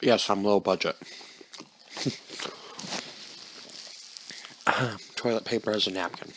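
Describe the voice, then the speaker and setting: A man's voice: on the low side, extremely slow, long pauses, noisy background. A man casually reviewing a microwave meal, rambling and unsure of himself, talking while he eats. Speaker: food reviewer. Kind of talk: casual food review vlog.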